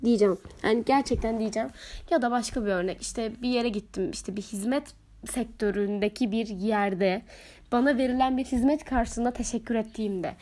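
A young woman with a hoarse voice, hosting a podcast and telling everyday stories in an expressive, chatty way. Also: a little high, moderate pace. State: hoarse, recovering. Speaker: podcast host. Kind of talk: casual solo podcast talk.

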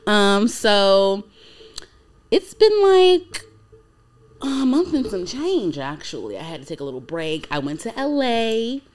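A woman in her twenties chats casually on a podcast in a middle-pitched voice. She rambles, circling back with likes and ums as she goes. It has the easy feel of talking with a friend. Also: sing-song, takes it slowly. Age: 20s. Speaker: podcast co-host.

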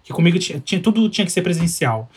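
A man co-hosting a casual podcast, telling relaxed stories. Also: sits high, slightly rough. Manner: fast, relaxed storytelling. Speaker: podcast co-host.

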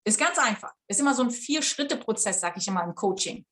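A woman's voice: on the high side, animated, a bit bright. Emphatic woman giving coaching advice. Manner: emphatic, slows down to stress key points; blunt, colloquial, swears casually. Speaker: life coach. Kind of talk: motivational coaching talk to viewers.

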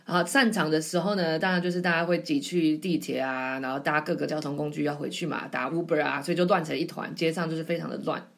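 A woman's voice: low-pitched, steady tone, fast, gravelly, hardly any pauses. A woman, chatting on her own podcast in a rambling, self-mocking way. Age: 20s. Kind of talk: casual solo storytelling.

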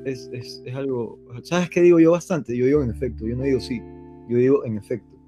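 A young Ecuadorian man with a dark, mellow tone and an ordinary middle pitch. He talks in a laid-back, slangy way, spinning anecdotes. Faint music plays behind him. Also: fairly quick. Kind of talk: casual chat.

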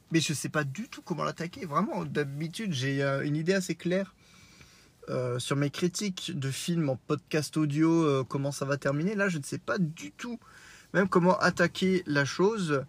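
A man's voice: a little high, husky. A man with a Lorraine accent hosting a casual solo podcast, rambling with lots of fillers and self-corrections, teasing himself, recorded on a smartwatch microphone while driving. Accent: Lorraine French. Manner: self-deprecating. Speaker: podcast host.

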